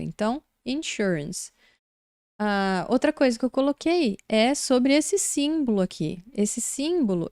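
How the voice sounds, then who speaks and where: A woman's voice: medium pitch, a little mellow, clear, resonant tone, no echo, clean studio sound. A woman from Brazil teaching an online English lesson, explaining words patiently step by step.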